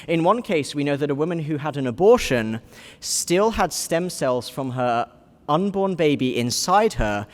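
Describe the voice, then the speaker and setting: A man giving a conference keynote speech, explaining step by step and dropping dry jokes. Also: a little high. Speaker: keynote speaker. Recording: hall reverb.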